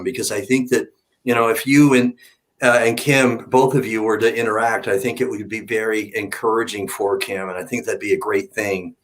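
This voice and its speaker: Measured, reassuring male host. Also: medium pitch, a bit bright. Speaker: host of an online support broadcast. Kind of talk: encouraging, faith-based talk to guests and viewers.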